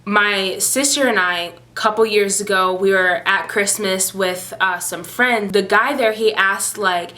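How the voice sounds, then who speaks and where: A young woman in her twenties tells a personal story to camera in a bright, clear voice at a middle pitch. Her delivery is chatty and animated, and her voice jumps up whenever she acts out what someone said. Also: unhurried, hardly any pauses. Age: 20s. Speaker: vlogger.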